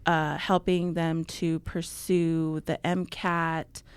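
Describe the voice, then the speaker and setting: Chatty young woman from New Mexico with a smooth voice. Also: low voice, flat delivery, takes it slowly, no echo. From Navajo, New Mexico. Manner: chatty, many ums, laughs easily. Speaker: guest, outreach coordinator. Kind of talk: casual interview talk. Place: radio studio.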